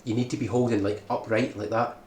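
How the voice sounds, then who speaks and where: In a fairly quick, slightly mellow mid-range voice with little pitch movement, this man walks viewers through a speedrun strategy. He explains as he goes and keeps asking "right?", recorded in an echoey room with noise behind him.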